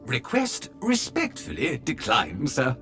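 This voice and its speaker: A man's voice: medium pitch, wildly swooping pitch, slow pace, bright, forceful tone, faint music behind, heavily acted. A man voicing a fawning, formal male butler robot in a video game. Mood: polite. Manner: obsequious, formal, calls everyone sir.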